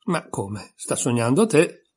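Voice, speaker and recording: A man's voice: medium pitch, sing-song, takes it slowly, breathy edge, full character voice. A man reading aloud and voicing a smug, contrary little twin who talks in a teasing, scornful way.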